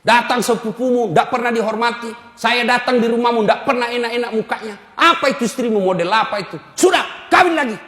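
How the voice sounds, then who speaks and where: A preacher acting out a resentful village mother-in-law who complains and then shouts at her son. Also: very high-pitched, fairly quick, hardly any pauses. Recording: echoey hall reverb.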